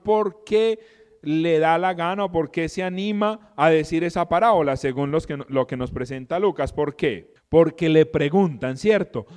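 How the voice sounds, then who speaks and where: A man giving an animated, conversational Bible teaching. He keeps asking his listeners rhetorical questions. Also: on the high side, in a large hall. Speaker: Bible teacher and podcast host.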